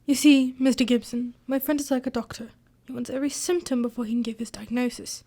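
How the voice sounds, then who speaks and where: A woman playing a genial, polite doctor, a detective's gentlemanly companion, in an amateur radio drama. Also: a little high, fairly even intonation, fast. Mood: polite, tactful.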